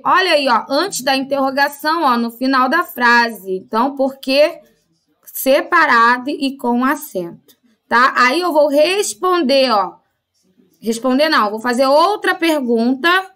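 A woman teaching young pupils, with a high, bright voice. She goes through each point slowly and patiently, checking in with the class as she goes. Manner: patient, explains step by step with frequent "tá?" and "né?" check-ins. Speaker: primary school teacher. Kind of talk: classroom lesson explanation.

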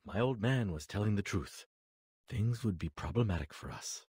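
A man's voice: lowish voice, animated, moderate pace, darkish tone, husky, dry recording. An actor voicing a reluctant, self-doubting male leader in a game, with a dry, self-deprecating delivery. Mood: weary. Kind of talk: game voice acting.

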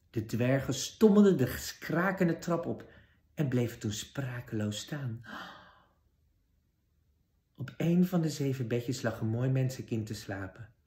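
A man reading a children's fairy tale aloud with expressive narration. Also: mid-range voice. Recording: roomy echo.

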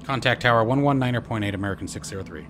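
Man playing an airline pilot on a cockpit headset: lower male voice, crisp procedural readbacks, noisy feed. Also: racing. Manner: clipped, procedural radio phraseology with callsign readbacks. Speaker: flight sim streamer playing airline pilot. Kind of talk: pilot radio calls to air traffic control.

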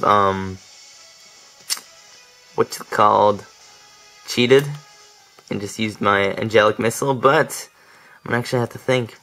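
Bright-voiced young man commentating gameplay. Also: fairly low pitch, rough recording. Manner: chatty, laughs often, stumbles over words. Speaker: let's play commentator. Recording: faint game music behind.

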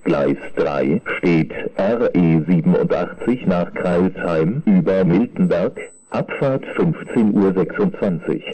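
A man reading flat, scripted railway platform announcements in measured, segmented phrases. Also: deep voice, poor audio.

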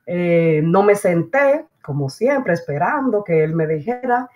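A woman's voice: on the low side, a little slow, faint music behind. A woman with a strong voice, casually telling a story, acting out what was said and dropping in English phrases. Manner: lively, acts out dialogue and drops in English phrases. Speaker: interview guest.

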